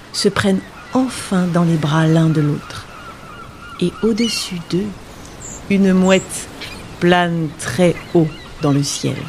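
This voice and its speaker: A woman reading her own children's storybook aloud, with expressive, gently dramatic narration. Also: fairly low pitch. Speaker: storyteller and author.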